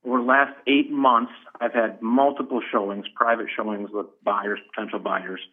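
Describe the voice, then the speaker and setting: A man's voice: lowish voice, level tone, normal speed. Blunt middle-aged male caller on speakerphone, thin phone-line sound. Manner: plainspoken, blunt. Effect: on speakerphone over a phone line. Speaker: caller giving public comment. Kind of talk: public comment at a county meeting. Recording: tinny phone line over a room speaker.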